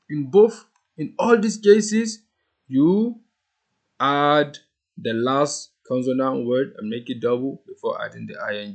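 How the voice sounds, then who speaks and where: Male teacher, mid pitch, patient step-by-step grammar explanations. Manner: explains step by step, repeats key rules. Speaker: English teacher. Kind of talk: grammar lesson.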